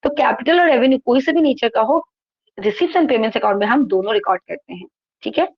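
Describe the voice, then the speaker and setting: A woman's voice: a little high, animated, a little fast, breathy edge, no room sound, lo-fi sound. A woman teaching accountancy in an online class, reading from the textbook and explaining each point, asking and answering her own questions. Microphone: laptop microphone.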